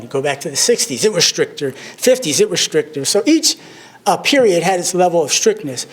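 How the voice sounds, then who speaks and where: A man, giving a memorial tribute speech. He tells humorous, self-deprecating stories. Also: high voice. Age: 60s. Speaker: alumnus speaker at a memorial service.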